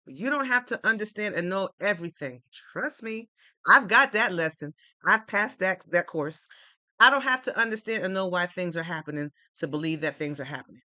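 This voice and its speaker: In a motivational live stream, a man earnestly encourages viewers with repeated faith-based messages. He speaks at a moderate pace in a high, animated voice that's bright and forceful, and there's no echo.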